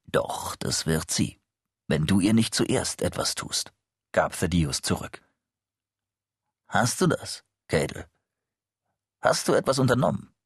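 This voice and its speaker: A calm, probing male psychologist. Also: low-pitched, takes it slowly, long pauses, no room sound, clean studio sound, exaggerated voice. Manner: smooth, even, quietly insistent. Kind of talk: audiobook character reading.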